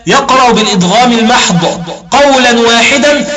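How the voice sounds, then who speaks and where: A man's voice: very high-pitched, a crowd in the background. A man teaching Quran recitation rules in an explanatory lecture, often checking that his listeners follow along. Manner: keeps checking in with listeners, recites verses slowly.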